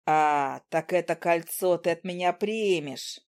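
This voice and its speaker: A woman voicing a spiteful young man, an ex-boyfriend who jeers and sneers in a slow, lowered voice. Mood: sneering. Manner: sneering and mocking.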